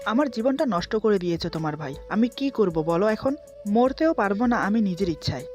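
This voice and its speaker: A woman's voice: medium pitch, animated, fairly quick, darkish tone, faint music behind, lightly acted. A woman reading the part of a fiery, defiant young bride in a story. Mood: tearful.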